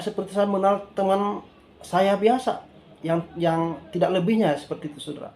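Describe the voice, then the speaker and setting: Man, 30s, earnest testimony speaker with a slightly raised pitch, light background noise. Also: gravelly. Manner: repeats "dear brothers and sisters in the Lord", gets animated retelling the scare. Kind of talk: personal faith testimony.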